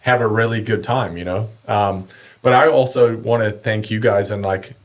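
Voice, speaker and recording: Guy, kinda deep voice, chill slangy storytelling like a podcast guest. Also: normal speed. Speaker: podcast guest, kayak angler. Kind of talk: casual chat, anecdotes.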